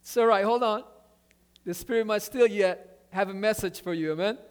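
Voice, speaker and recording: A pastor whose first language is Spanish, with a high, smooth voice at normal speed. He preaches an animated sermon, often restarting and repeating words and asking for an amen.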